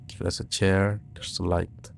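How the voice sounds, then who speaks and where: Deep, creaky-voiced nervous horror game streamer, man. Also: little pitch movement, moderate pace, slight background noise. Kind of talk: casual playthrough commentary. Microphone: close microphone on boom arm, headset worn.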